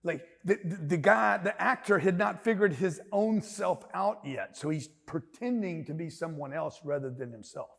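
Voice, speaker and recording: A man in his fifties from Louisiana with a Southern accent, giving a loud, emphatic, rambling and jokey seminar talk as a business mentor. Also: on the high side, animated, normal speed, gravelly, hardly any pauses. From Louisiana, USA. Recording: long hall reverb.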